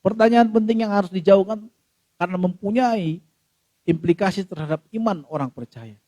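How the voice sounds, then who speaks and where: A middle-aged male pastor preaching a sermon, telling a personal story with emotion and often addressing the congregation, swinging from loud to hushed. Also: high-pitched, moderate pace, no room sound.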